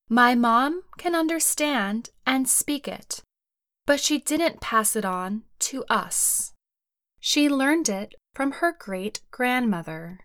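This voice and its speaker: A woman reading a scripted report with slow, careful, measured and explanatory delivery. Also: fairly high pitch, no echo, clean studio sound. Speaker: narrator of a learning-English news report.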